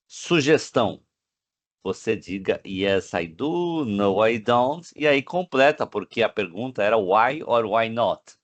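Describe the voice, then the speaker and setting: Brazilian guy teaching english on a video call, really slow and drawn out, dry close sound. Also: on the low side, animated, dry recording. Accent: Brazilian Portuguese. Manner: slow, drawn-out English examples, frequent "né?" check-ins. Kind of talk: online class explaining grammar.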